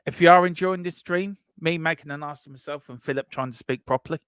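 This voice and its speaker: A man's voice: on the high side, fast, a bit bright, smooth, no echo. A man hosting a live watchalong stream, chatting casually and rambling with lots of fillers. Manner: rambling, full of fillers and restarts. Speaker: stream co-host.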